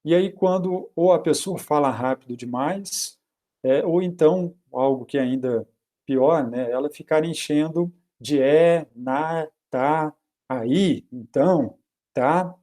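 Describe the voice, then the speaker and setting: A man from Brazil lecturing by video call on public speaking, asking and answering his own questions, often dropping his voice to quiet asides and filling pauses with "né". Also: on the high side. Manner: varies loudness, often drops to quiet asides; frequent fillers like "né" and "é". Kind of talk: online talk by video call.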